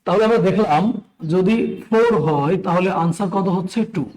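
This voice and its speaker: A man's voice: high-pitched, normal speed, a little mellow, rough recording. A tired man with a Bangladeshi Bengali accent and a strained voice teaches a live online math class, repeating steps and quizzing his students. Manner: repeats steps, quizzes listeners, greets chat by name. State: tired, talking slowly.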